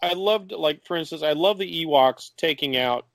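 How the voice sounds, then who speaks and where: A man's voice: a little high, normal speed, vocal fry, no echo. Male podcast co-host, loose rambling chat, dead dry recording. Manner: rambling, lots of fillers, laughs easily. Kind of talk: casual chat.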